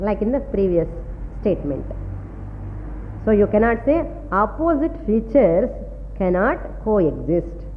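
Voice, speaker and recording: A woman's voice: medium pitch, very animated, measured pace, pauses often. A woman with a South Indian Tamil accent teaching philosophy in a didactic way, repeating key phrases and checking understanding. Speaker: Vedanta teacher. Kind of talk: philosophy lecture mixing two languages. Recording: tinny phone-like sound, long reverb, faint hum.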